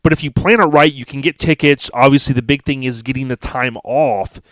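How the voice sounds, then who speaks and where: This American man, speaking in a medium-pitched, fairly bright voice, hosts a laid-back podcast and talks fairly quickly. He is enthusiastic and speaks straight to his audience, with no room sound in the recording.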